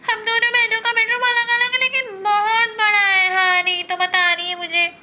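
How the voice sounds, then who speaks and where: A woman puts on a spiteful, stuck-up young sister who sneers and shoos others away. The voice sits extremely high and cuts bright and sharp. This is a homemade comic family sketch. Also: fairly even intonation, moderate pace, slight background noise, full character voice. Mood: scornful. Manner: haughty, dismissive taunting.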